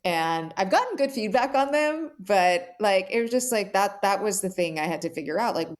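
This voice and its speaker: This woman's medium-pitched voice is expressive and moves at a normal speed. As an author and interview guest, she answers earnestly and reflectively in a chatty, explanatory way, frequently saying "like" and "right?".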